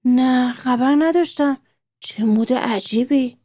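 A woman storyteller voicing a calm, kind mother who sews clothes, speaking gently and patiently. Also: a little high, no echo, clean studio sound, natural voice. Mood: surprised.

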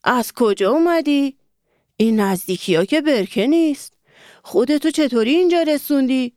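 A woman's voice: high voice, expressive, a little mellow, no room sound, clean studio sound, voice pushed up. Woman voicing a helpful storybook rooster, chatty and friendly, slightly raised voice.

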